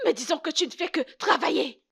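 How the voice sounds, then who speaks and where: Stubborn, unfaithful young wife in a dubbed drama; high-pitched, challenging and heated. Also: female voice, a little fast, gravelly, fairly bright tone. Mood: defiant. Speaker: wife in a marriage dispute.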